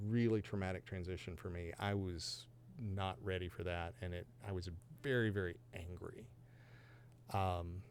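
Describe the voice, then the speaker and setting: A man's voice: sits low, a little hiss or hum. A man in his fifties from Georgia and Texas, sharing his faith testimony as a podcast guest in an earnest, reflective way with light self-deprecating humor. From Georgia and Texas, USA. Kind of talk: personal testimony in a podcast conversation.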